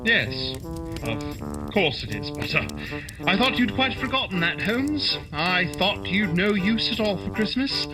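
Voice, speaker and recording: Guy doing an earnest loyal doctor sidekick, radio play, takes his time, lively, music under it. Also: high voice, measured pace, poor audio. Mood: surprised. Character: earnest, kindly doctor, the detective's loyal male companion. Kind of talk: holiday radio play acting.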